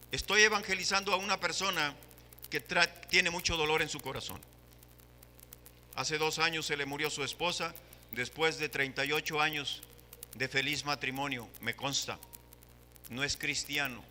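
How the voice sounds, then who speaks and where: A male pastor with a Mexican Spanish accent delivers a fervent sermon in a high, very bright and piercing voice. His words ring out with a long reverb from the church hall around him. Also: slight background noise. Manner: impassioned preaching, rising to shouts.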